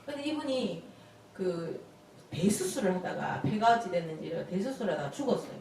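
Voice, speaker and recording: A woman's voice: lowish voice, moderate pace, slight background noise. A woman telling folksy testimony stories as a Bible study teacher. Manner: animated, folksy storytelling with frequent laughs. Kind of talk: storytelling testimony sermon. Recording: very echoey room, distant mic.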